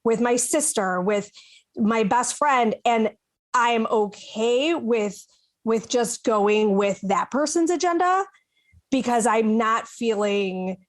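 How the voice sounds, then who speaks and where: A woman from Chicago talking as a panelist in a casual, thoughtful podcast discussion, pausing to search for her words. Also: fairly high pitch, expressive. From Chicago, USA.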